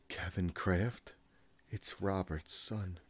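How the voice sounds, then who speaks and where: A low-pitched man draws out his words while streaming a horror game indoors, in a small room at home. In his thirties, he keeps up casual, jittery commentary to himself and swears often.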